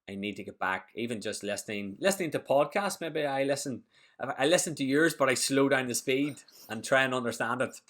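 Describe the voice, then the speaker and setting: A young Irish man chatting easily as a podcast guest, relaxed and quick to laugh. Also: mid-range voice. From Ireland. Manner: relaxed, easygoing, laughs often. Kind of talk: casual interview chat.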